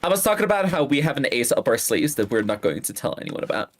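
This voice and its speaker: A man joking with teammates over voice chat in a game, giggly and animated. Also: medium pitch, fast talker. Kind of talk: group gaming banter.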